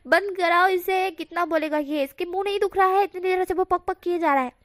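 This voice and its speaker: A woman voicing an exasperated mother who keeps scolding her overjoyed grown son to be quiet. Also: fairly even intonation, moderate pace, no room sound, close to an everyday voice. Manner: scolding, shrill when exasperated.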